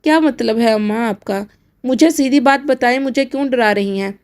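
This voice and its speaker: A woman's voice: a little high, darkish tone, close to an everyday voice. Woman voicing a desperate young bride. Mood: anxious. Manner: emotional, pleading. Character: young bride, pleading and defiant.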